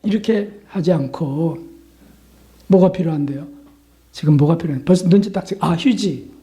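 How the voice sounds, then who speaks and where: A man who is a pastor, preaching a Lenten sermon in an animated way, with sudden rises in pitch and loudness, quick questions to the congregation and hushed whispers for emphasis. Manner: keeps asking the congregation questions such as "right?".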